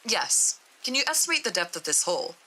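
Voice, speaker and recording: A woman's voice: lowish voice, big pitch swings, brisk, bright, forceful tone, heavily acted, rough recording. A woman voicing a formal interviewer who gives short, polite orders in a horror story reading. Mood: curt. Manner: curt, formal instructions.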